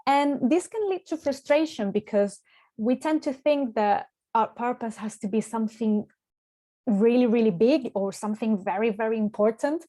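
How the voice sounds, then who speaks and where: A woman's voice: fairly high pitch, normal speed, mellow. A woman of around forty hosting a live online workshop as a spiritual coach, speaking on a video call in a reflective way, searching for words and repeating them as she goes.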